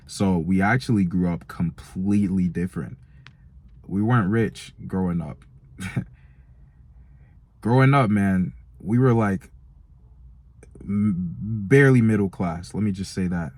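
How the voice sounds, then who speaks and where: The recording is dry, and the man's voice is on the low side. A nineteen-year-old with an American accent, Nigerian-born and brought up in America from age four, he vlogs motivation casually, talking straight to young men in slang peppered with "bro" and "man."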